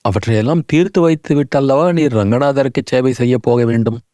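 A man's voice: mid-range voice, fairly quick, warm tone, dry recording, clean studio sound, lightly acted. A man voicing an aging, grief-stricken king who speaks in bitter, brooding accusations. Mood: brooding, accusing.

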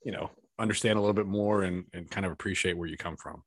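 Laid-back male podcast host, slightly low voice, friendly chat, dry recording. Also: steady tone, fast talker, dry recording.

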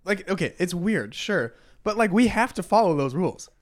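A man's voice: sits high, moderate pace. A young man co-hosting a podcast in casual chat, telling stories animatedly and leaning on "like" as filler. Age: young adult. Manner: animated storyteller, lots of "like" fillers. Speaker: podcast co-host, college resident assistant.

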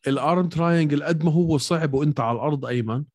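A man's voice: fairly high pitch, racing, a little mellow, slightly rough, no room sound. A man with a Levantine Arabic accent co-hosting a casual sports chat, explaining technique in everyday words. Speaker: co-host of an MMA podcast.

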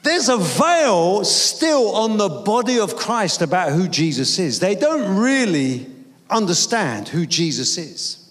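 A man's voice: high-pitched, big pitch swings, takes it slowly, fairly bright tone, big-room sound. A man from London, raised speaking Greek, preaching an emphatic sermon with jokes and call-and-response. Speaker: evangelist preacher. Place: church hall.

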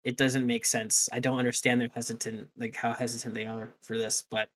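A man's voice: medium pitch, flat delivery, fairly quick, fairly bright tone. A man co-hosting a casual gaming news podcast, talking loosely, swearing offhandedly and often restarting his sentences. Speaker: podcast co-host.

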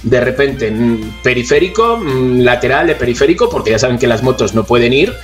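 A man's voice: mid-range voice, a little fast, soft background music. A man with a Spain Spanish accent, telling anecdotes as co-host in a casual chat and acting out the voices in his quotes. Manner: animated anecdote teller, acts out voices in quotes.

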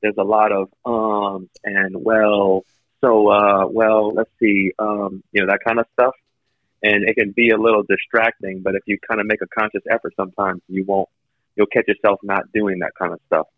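A man's voice: level tone, moderate pace, no echo. Thin-voiced man on a phone line. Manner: blunt, candid critique, loose with swearing. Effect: thin phone line with no bass. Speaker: podcast guest calling in. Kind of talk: casual phone chat. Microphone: phone speakerphone. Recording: dull, thin phone-call audio.

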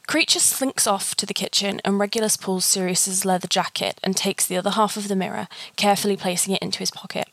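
A woman's voice: medium pitch, vocal fry, a bit bright, dry recording. Woman reading a story, dry sound. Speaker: fan fiction reader.

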